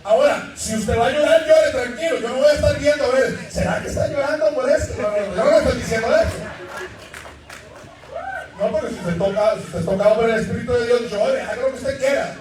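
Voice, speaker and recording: A man preaching a sermon as pastor to a congregation, shouting points and joking. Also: very high voice, a little fast, far from the mic, crowd noise. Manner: shouting sermon delivery with jokes and acted quotes. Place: church service with congregation. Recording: very echoey church hall, from the mic.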